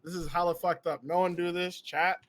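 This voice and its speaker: A young man with a high, bright, ringing voice tells stories in a loose podcast chat. He laughs often and slips into the voices of the people he quotes. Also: fairly even intonation, brisk. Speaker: podcast host. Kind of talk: casual storytelling chat.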